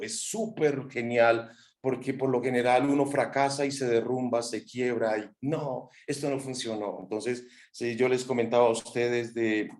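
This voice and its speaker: A man giving a motivational talk to a class, expressive, with sound words and acted-out quotes. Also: medium pitch. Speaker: motivational speaker. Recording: echoey room.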